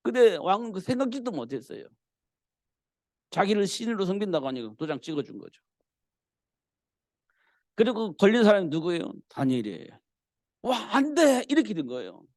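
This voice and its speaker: A male pastor preaching a sermon in a church, telling the story with animated delivery. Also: sits high, fairly quick, pauses often, dry recording, clean studio sound. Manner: animated storytelling, acting out the king's cries.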